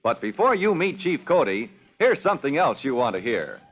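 A man's voice: mid-range voice, sing-song, normal speed, husky. A man announcing a children's radio drama, narrating dramatically and addressing young listeners. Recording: dull lo-fi old radio recording.

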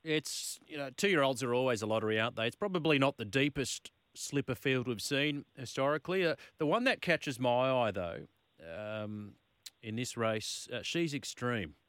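Casual Australian male sports radio host, mid-pitched, dry close-miked studio. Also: normal speed, fairly bright tone, no echo. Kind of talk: casual live radio presenting. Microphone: close studio microphone.

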